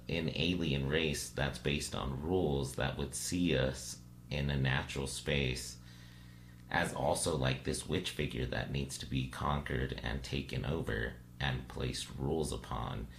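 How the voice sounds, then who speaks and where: A podcast co-host muses tentatively through a casual discussion, often checking with "right?" and "you know." His voice has vocal fry and a fairly bright tone, and the recording is roomy and echoey with a low hum and hiss.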